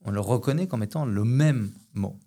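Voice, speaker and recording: A man with an Argentine Spanish accent, speaking French as a second language, explains philosophical ideas in an interview, often pausing and restarting. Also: lowish voice, dark tone. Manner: hesitant, many restarts and fillers. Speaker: philosophy guest. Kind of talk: academic interview.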